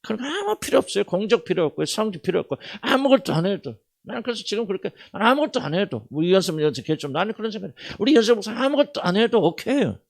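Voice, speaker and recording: A middle-aged man preaching a sermon as senior pastor, asking the congregation questions and swinging from loud to soft. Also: sits high, sing-song, very fast, vocal fry, hardly any pauses.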